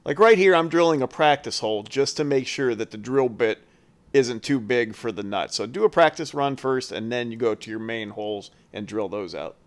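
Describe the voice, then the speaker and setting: A man's voice: mid-range voice, expressive, moderate pace. A man hosting his carving channel, talking through a do-it-yourself build step by step in a casual, folksy voice-over. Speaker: chainsaw carver, channel host. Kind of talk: how-to voice-over.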